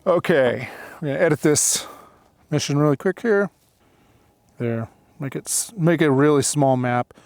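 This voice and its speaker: Speaking at a measured pace in a slightly high, a little mellow voice, a middle-aged man keeps up casual commentary as he hosts a gear demo. He's a drone pilot and video host, outdoors in open, dry hills.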